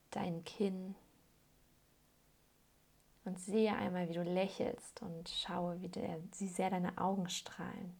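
A woman leading a soothing guided meditation as a hypnosis guide, calm and gently instructing, in a soft, breathy voice that often trails toward a whisper. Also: fairly low pitch.

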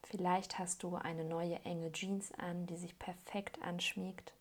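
A woman leading a soothing guided meditation as a hypnosis guide, calm and gently instructing, in a soft, breathy voice that often trails toward a whisper. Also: fairly low pitch, slow pace.

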